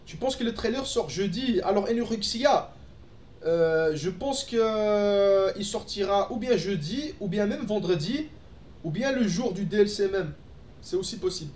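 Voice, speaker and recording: His voice is high and expressive with a darkish tone, his pace measured, and the home room he streams from sounds roomy. He's a young gaming streamer from Antwerp, Belgium, a native Dutch speaker, chatting with viewers as he plays, responding to chat and often using fillers and restarting sentences.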